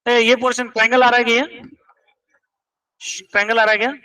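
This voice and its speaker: Bright-voiced teacher quizzing his class. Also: very high-pitched, level tone, fairly quick, clear, resonant tone, far from the mic, rough recording. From India. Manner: quizzing students, pressing them to check each step. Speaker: math teacher.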